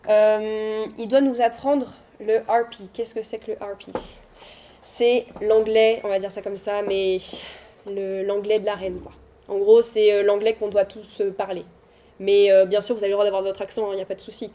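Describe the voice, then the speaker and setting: A young adult woman, a student, giving an informal, reassuring talk to high schoolers in a school room, hesitating often with fillers. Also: little pitch movement, normal speed, warm tone. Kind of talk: informal presentation.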